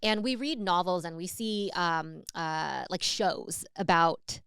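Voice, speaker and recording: A young American woman co-hosts a casual podcast, with a slightly low and very clear voice. She talks in an earnest, thoughtful way, full of fillers and restarts. The sound is dry and close. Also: slow pace, fairly bright tone, no echo. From United States. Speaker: podcast co-host. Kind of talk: casual conversation.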